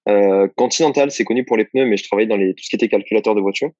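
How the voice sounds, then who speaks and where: A man from the south of France with a low voice, speaking as a casual interview guest. He rambles easily and restarts his sentences often. The sound is dry and dull, like a lo-fi recording. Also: racing, no echo. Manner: relaxed, rambling storyteller with frequent restarts.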